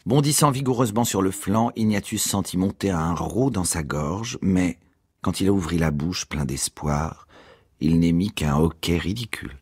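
A man giving an expressive, ironic literary reading aloud. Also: low-pitched, breathy edge, dry recording, clean studio sound. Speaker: reader.

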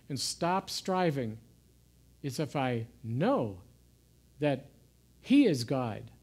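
A man giving an informal sermon in a gentle, conversational way, sometimes dropping to soft, hushed asides. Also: a little high. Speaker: pastor. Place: church.

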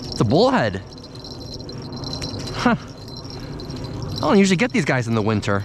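This young fishing vlogger keeps up a casual running commentary on each catch as he fishes a snowy riverbank in winter, filmed at close range by a camera on his body or in his hand. His slightly high voice swings hugely in pitch at a moderate pace, and background noise is audible.

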